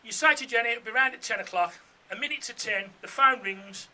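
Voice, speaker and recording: Male, middle-aged; piercingly bright, high-pitched voice; jokey, conversational wedding speech. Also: fairly quick. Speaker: father of the bride giving a speech. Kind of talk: informal wedding speech with comic anecdotes. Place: room full of wedding guests.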